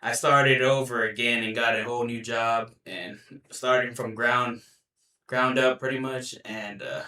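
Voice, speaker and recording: A man's voice: medium pitch, fairly even intonation, a little slow, sharp tone, far from the mic. A young man co-hosting a gaming podcast, chatting casually and rambling with lots of "you know.". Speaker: podcast co-host. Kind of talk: casual chat. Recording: roomy, a bit off-mic.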